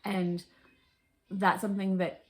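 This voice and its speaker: A woman's voice: mid-range voice, little pitch movement, takes it slowly, rough recording. A woman co-hosting a family channel, chatting earnestly at home with plenty of casual fillers. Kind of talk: casual chat.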